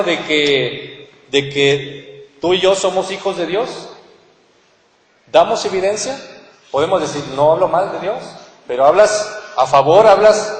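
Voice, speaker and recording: A man with a Mexican accent preaching a sermon as pastor, earnestly asking his listeners rhetorical questions. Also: sits high. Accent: Mexican Spanish. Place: church hall. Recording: echoey church hall with long reverb.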